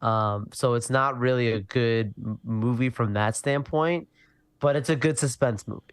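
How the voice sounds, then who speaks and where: A man on a casual podcast with a smooth, clean voice recorded close and dry. He gives his opinions in a relaxed, measured way. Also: mid-range voice, dry recording. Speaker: podcast co-host. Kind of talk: casual chat about movies.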